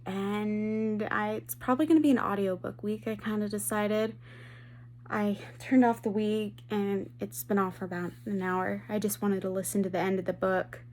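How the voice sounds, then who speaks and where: A woman's voice: mid-range voice, steady tone, normal speed, a little mellow, a little hiss or hum. A woman book vlogger chatting casually and enthusiastically, often breaking off and restarting her sentences. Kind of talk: casual vlog chat.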